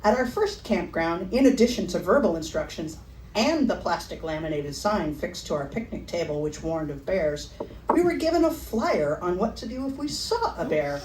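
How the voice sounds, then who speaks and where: A middle-aged woman performing a personal memoir at a live storytelling event, with a wry, animated delivery. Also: fairly low pitch, moderate pace, roomy sound, recorded from a distance, background noise.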